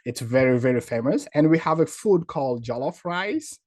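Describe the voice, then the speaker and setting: A man from Senegal speaks English, a founder answering interview questions over a video call. He is friendly and laughs easily, filling pauses with "uh" and "um." His voice sits at a middle pitch in a dry, close recording. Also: expressive, darkish tone, no room sound. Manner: friendly, laughs often, many fillers. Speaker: guest, company founder. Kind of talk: casual interview.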